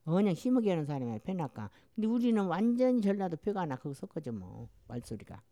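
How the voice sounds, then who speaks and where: A woman's voice: on the low side, very animated, fast talker, warm tone, no room sound. An older woman from Jeolla with a strong Jeolla dialect, chatting in a rambling, storytelling way as an interviewee. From Jeolla, Korea. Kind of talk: casual chat.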